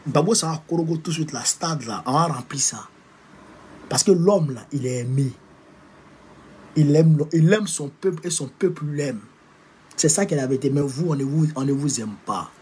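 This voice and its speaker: A man with an Ivorian French accent delivers a political rant, hurling insults and repeating his taunts. His voice is very husky and raspy, with a mellow tone sitting a little high for a man. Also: moderate pace. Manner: combative, insulting, repetitive. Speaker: political activist.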